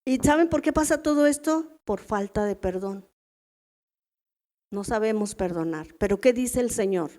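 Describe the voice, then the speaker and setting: A woman's voice: medium pitch, animated, normal speed, warm tone. A middle-aged woman with a Mexican accent teaching a women's church meeting in a chatty way, often asking the listeners questions. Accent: Mexican Spanish. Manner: chatty, asks the audience rhetorical questions.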